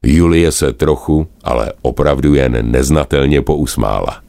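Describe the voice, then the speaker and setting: A man narrating a fairy tale in a lively, expressive way. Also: extremely low pitch, vocal fry, dry recording, clean studio sound. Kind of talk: storybook narration.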